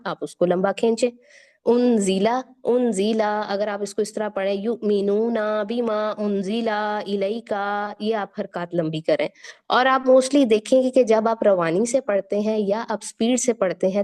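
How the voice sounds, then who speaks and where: A woman teaching Quran recitation rules, explaining patiently and stretching words slowly to demonstrate. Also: mid-range voice, darkish tone. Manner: explains step by step and checks in with listeners. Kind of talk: tajweed lesson, explaining and demonstrating.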